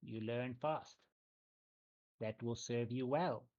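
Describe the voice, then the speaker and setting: Man playing a slow-talking, bossy goblin woman. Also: medium pitch, a little mellow, dull audio. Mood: approving, stern. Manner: slow, clipped broken-English commands. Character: gruff, bossy female goblin trainer of young goblins.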